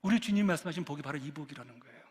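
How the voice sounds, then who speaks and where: A man's voice: on the high side, animated, racing, a little mellow, slightly rough, big-room sound. A man, a pastor, delivering an impassioned sermon that swells and drops in force. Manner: impassioned preaching, rising and falling in force.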